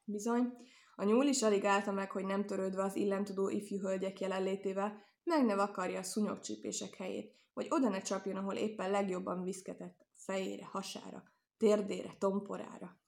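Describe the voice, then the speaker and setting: A woman narrating a children's storybook with a lively, expressive delivery. Her voice sits at a middle pitch and changes for each character. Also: creaky. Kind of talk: storybook reading.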